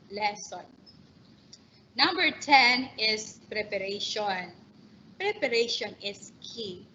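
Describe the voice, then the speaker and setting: Slow high-voiced Filipino woman trainer. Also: sharp tone, dull audio, slight background noise. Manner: slow, emphatic, addresses teachers directly. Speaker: teacher trainer. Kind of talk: training lecture. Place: online training session.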